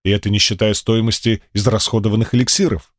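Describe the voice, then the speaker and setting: A man reading a first-person fantasy audiobook with steady, measured storytelling. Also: lowish voice, no echo, clean studio sound. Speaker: audiobook narrator.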